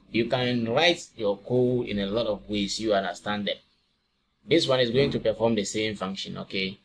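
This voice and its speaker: A man from Ghana with a fairly low voice talks through a screen-recorded coding lesson, one step at a time. He often poses a quick question and answers it himself. Faint hiss and keyboard clicks sit under his voice. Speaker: programming tutor.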